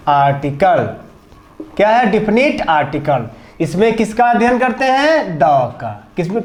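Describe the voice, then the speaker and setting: A man's voice: very high-pitched, a little hiss or hum. A man teaching English grammar to a class, with a Hindi accent, drilling pupils with repeated questions and answers. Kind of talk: classroom lesson.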